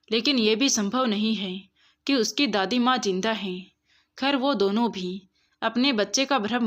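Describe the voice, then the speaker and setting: A woman storyteller giving steady, expressive scripted narration of a moral story. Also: mid-range voice.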